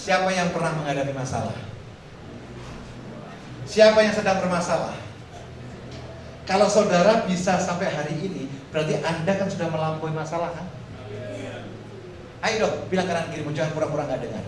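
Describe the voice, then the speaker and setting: A male pastor with a high voice preaches to his congregation, cracking jokes and firing questions at them. He sounds distant, as if caught by a mic across a big church hall. The hall rings with a long echo, and steady background noise sits under his voice. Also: brisk, pauses often. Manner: joking, asks the congregation questions, lively delivery. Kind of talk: sermon. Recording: echoey hall, heard from far off, noisy.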